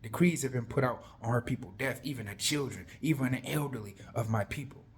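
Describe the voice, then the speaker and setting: A man casually retelling a Bible story, animated and conversational, full of slang. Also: mid-range voice, brisk, a little hiss or hum.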